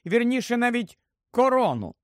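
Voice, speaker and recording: A man's voice: very high-pitched, sing-song, normal speed, no echo, clean studio sound, pitched above the performer's own voice. A man voicing a dreamy, odd teenage witch girl, speaking airily and matter-of-factly.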